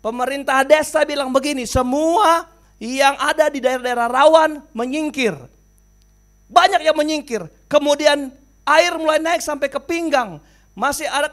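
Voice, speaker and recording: Male pastor, high voice, dramatic sermon storyteller. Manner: animated, dramatic storytelling with sudden drops in volume.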